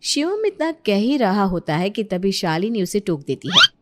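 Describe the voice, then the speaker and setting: A woman's voice: medium pitch, wildly swooping pitch, normal speed, fairly bright tone. A woman narrating a family story in a storybook style.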